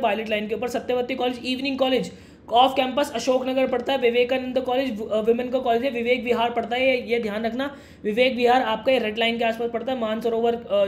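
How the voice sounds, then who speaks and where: A young man explains things quickly and casually, calling the listener "brother". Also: very high-pitched, slight background noise. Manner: fast, brotherly, addresses viewer as "mere bhai". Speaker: education YouTuber. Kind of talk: casual explainer talking to camera.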